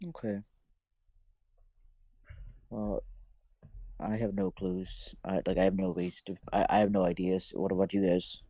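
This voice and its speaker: A man's voice: low voice, flat delivery, measured pace, pauses often, warm tone, no room sound. A man playing a tabletop game, eagerly proposing plans and asking the others questions. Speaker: player. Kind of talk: casual tabletop play.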